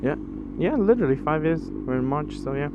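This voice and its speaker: This Brazilian man in his twenties vlogs from his motorcycle in the city, his voice a little high, expressive, creaky, and somewhat fast as he rambles loosely with fillers and restarts. An action cam on the motorcycle records him, so the audio is muffled and swamped by road and engine noise.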